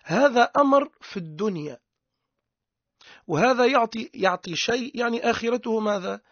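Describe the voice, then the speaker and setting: With a very high-pitched, slightly bright voice at a moderate pace, a Tunisian man teaches religion emphatically, moving between dialect and formal speech and lengthening words to expose mistakes. The recording is dull, lo-fi and dry.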